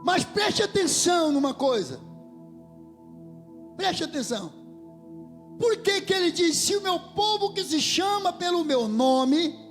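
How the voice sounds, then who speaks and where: A Brazilian man preaches with fervor in a very high voice, his delivery rising to shouts and falling to near whispers. Faint music plays beneath him in the church. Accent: Brazilian Portuguese. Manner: fervent, swells to shouts and drops to near whispers. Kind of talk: sermon. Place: church hall. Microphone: handheld microphone.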